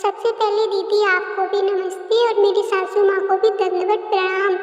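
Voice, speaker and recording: Cartoon: woman doing a dutiful young village bride, sweet and eager, very high voice. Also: level tone, normal speed, reverberant, in a large hall, far from the mic, muffled recording.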